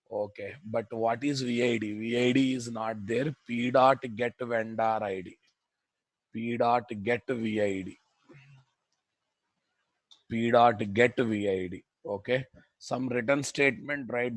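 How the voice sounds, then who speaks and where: A man's voice: lowish voice, no echo, low-quality recording. A man with a Telugu Indian accent lecturing on code as an instructor, repeating phrases and prodding students with blunt questions. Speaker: programming instructor. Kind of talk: live coding lecture to students.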